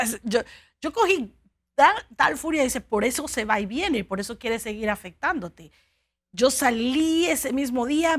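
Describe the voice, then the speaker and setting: A woman from Cuba delivers a sermon, weaving in a personal testimony. She speaks in an earnest, halting way, restarting phrases often. Her voice sits a little high for a woman. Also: a bit bright. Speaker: preacher.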